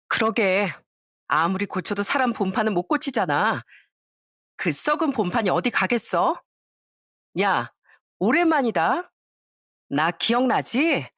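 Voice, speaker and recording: A woman's voice: mid-range voice, fairly bright tone, no echo, clean studio sound. A woman voicing a scornful former classmate who taunts and mocks an old bully. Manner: sneering and taunting.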